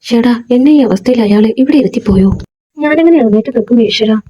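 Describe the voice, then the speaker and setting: A woman's voice: on the high side, fairly quick, warm tone, a little hiss or hum, natural voice. A woman voicing a shy young woman in a storybook, plaintive and protesting.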